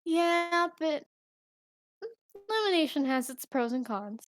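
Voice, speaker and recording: A woman's voice: medium pitch, animated, normal speed, a bit bright. A woman playing a tabletop role-playing game, chatting casually and describing what her character does. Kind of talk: casual chat and in-character play.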